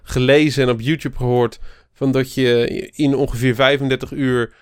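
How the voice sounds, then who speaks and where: A man's voice: mid-range voice, little pitch movement, moderate pace, clean tone, no echo, clean studio sound. A man co-hosting a podcast in easygoing, casual chat about games. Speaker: podcast co-host.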